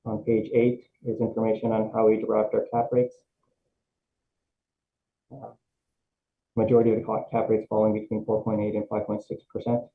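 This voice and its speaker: A man testifying as an assessor at a review board over a video call, halting, with many fillers and restarts. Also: lowish voice, completely flat delivery, creaky. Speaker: city assessor presenting at a hearing. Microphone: remote video call, microphone held close. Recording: tinny video-call audio with faint hiss.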